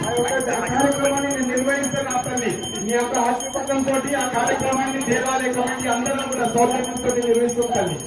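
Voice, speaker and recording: A man's voice: very high-pitched, level tone, fast talker. A man making a formal devotional address in a deferential, pleading manner. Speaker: temple committee representative. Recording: echoey, music and bells behind. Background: music, bells.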